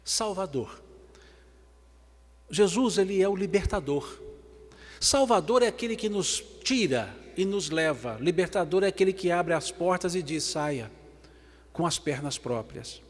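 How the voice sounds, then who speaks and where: Brazilian spiritist lecturer, male, fairly high voice, emphatic and dynamic, long hall reverb. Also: expressive, unhurried. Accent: Brazilian Portuguese. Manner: emphatic, swinging between loud and hushed passages. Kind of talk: religious lecture. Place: large event hall.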